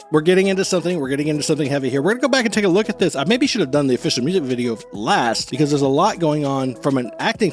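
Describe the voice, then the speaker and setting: A man who works as an acting coach, chatting casually and self-deprecatingly as he reacts to music videos. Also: on the high side.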